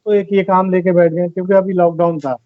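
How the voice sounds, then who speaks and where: A man's voice: high voice, level tone, quick pace, dry recording, phone-quality sound. A man from Pakistan, a guest in an interview, explaining his volunteer work in an earnest, reflective way with stories and examples. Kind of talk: conversational interview talk.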